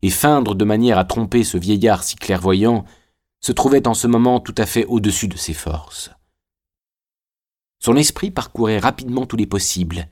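A man narrating a classic novel as an audiobook, in a measured, literary way. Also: on the low side, darkish tone.

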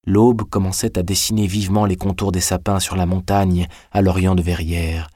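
A man narrating a classic novel in a measured, even reading. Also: sits low, no room sound, clean studio sound. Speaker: audiobook reader. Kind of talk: scripted audiobook narration.

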